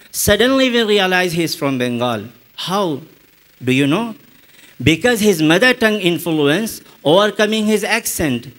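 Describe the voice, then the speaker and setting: In a spoken English lesson, a man with an Indian English accent explains things slowly and deliberately, repeating examples. His voice sits high and sounds fairly bright.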